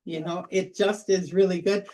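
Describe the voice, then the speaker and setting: A woman's voice: fairly low pitch, fairly even intonation, moderate pace, dark tone. A middle-aged woman hosting an informal sales workshop, telling stories in a chatty way and repeating phrases for emphasis. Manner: chatty, storytelling, emphatic repetition. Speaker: workshop host.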